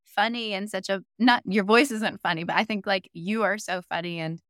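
A woman's voice: medium pitch, steady tone, moderate pace, a bit bright, no echo, clean studio sound. A woman hosting a casual podcast interview in a supportive, complimentary, conversational manner.

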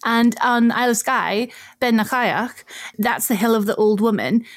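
A woman's voice: a little high, moderate pace, no echo. A woman co-hosts a podcast and explains archaeology in an easy, chatty way, laughing as she goes. The recording is dry and close, with no room sound at all. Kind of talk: casual chat.

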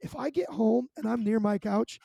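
A man's voice: very high-pitched, moderate pace, vocal fry, mellow, dry recording. A man hosting a podcast in a chatty, rambling, self-deprecating way. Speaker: podcast host. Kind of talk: casual podcast chat.

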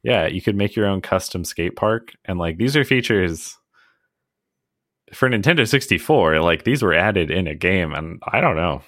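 A man's voice: sits low, expressive, moderate pace, a bit bright, dry recording, studio quality. A man co-hosting a podcast, chatting casually in a self-deprecating way and laughing often. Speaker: podcast co-host. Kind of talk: casual chat.

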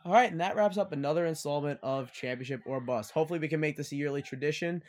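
A man's voice: on the high side, fast talker. A man hosting a casual sports podcast with friends, running the segments and trading takes. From Long Island. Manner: chatty, runs the segments. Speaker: podcast host.

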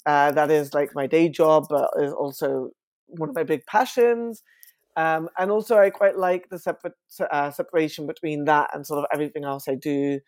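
A man's voice: on the high side, moderate pace, dry recording. Chatty young man from West London. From West London, England. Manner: chatty, animated, with frequent fillers. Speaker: guest. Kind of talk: casual interview talk.

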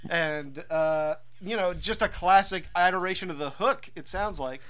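A man's voice: sits high, normal speed, fairly bright tone, clear, resonant tone. A man co-hosting a podcast in casual, wry, joking chat. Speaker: podcast co-host.

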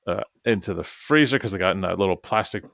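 Here a deep-voiced man co-hosts a laid-back podcast, speaking quickly with vocal fry and laughing frequently as his stories meander. The sound is fairly bright and has no room echo, yet overall the recording is dull and lo-fi.

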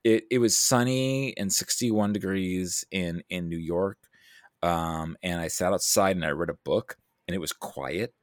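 Low-pitched and a little slow, this man talks in a casual chat on a podcast where he's a guest; he works as a writer and creative producer. Somewhat weary, he wanders in his speech and is self-deprecating, with studio-quality audio and no echo.

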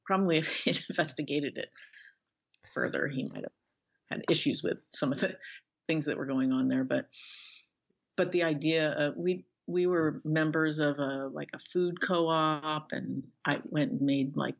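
A deep, creaky voice belongs to a middle-aged author and illustrator in a casual interview recorded on slightly dull, lo-fi audio. Speaking conversationally about her work, she rambles hesitantly and often abandons a sentence halfway to begin again.

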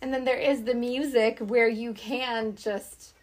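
A woman co-hosting a casual faith chat, quick to agree and laugh along. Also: fairly high pitch, fairly even intonation. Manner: warm affirming listener, giggly. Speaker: co-host.

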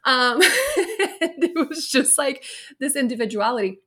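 A woman's voice: high voice, sing-song, measured pace, pushed and bright. A woman in her late thirties from Romania, a personal stylist speaking as a podcast guest, telling her story in an open, reflective way. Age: 30s. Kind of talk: casual interview chat.

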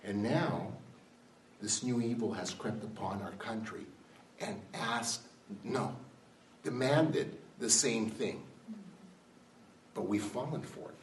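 Slow and low-pitched, pausing often, a man delivers a fervent political address to a live crowd, posing rhetorical questions and climbing to forceful peaks. The sound is roomy, recorded from a distance in a hall, with faint ambience and slight hiss or hum.

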